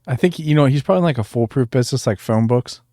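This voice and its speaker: A man's voice: mid-range voice, lively intonation, fast, mellow, dry recording. A man co-hosting a podcast, chiming in with dry, offhand jokes. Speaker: podcast co-host. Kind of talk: casual chat.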